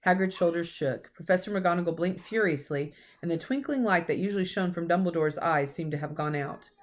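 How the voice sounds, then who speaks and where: A fairly low-voiced woman reads a children's storybook aloud at a fairly quick pace. Her narration is expressive, as a teacher's would be for young listeners.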